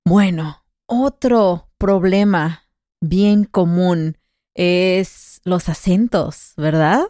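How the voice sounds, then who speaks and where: Sex: woman. Pitch: low. Pace: very slow. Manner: patient explainer. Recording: dry. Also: warm tone, no room sound. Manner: patient, slows down to spell out rules and examples. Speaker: co-host explaining Spanish grammar. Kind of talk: conversational language lesson podcast.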